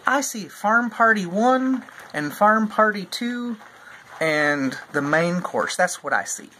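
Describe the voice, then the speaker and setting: A man in his forties making a mock-serious confession to a phone camera held at arm's length in an open barn, slow and solemn with long pauses. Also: high voice, a little hiss or hum. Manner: slow, solemn, deadpan delivery with drawn-out pauses. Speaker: farm vlogger.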